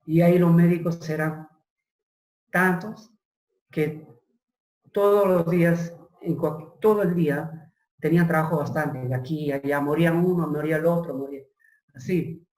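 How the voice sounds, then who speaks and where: A middle-aged man telling a personal testimony as an interview guest, halting and searching for his words. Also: fairly high pitch, fairly even intonation, a little mellow. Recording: roomy echo.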